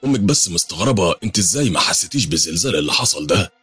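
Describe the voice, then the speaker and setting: A man's voice: deep voice, expressive, racing, fairly bright tone, breathy edge, no echo, soft background music, full character voice. Man playing a soothing Egyptian father. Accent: Egyptian Arabic. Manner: soothing, firm. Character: frightened father, calm and reassuring on the surface.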